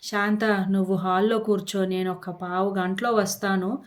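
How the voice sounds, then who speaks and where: Woman reading as a soft-spoken worried father. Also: mid-range voice, fairly even intonation, moderate pace, lightly acted. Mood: evasive, firm. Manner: soft fatherly coaxing, evasive. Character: worried widowed father, middle-aged man.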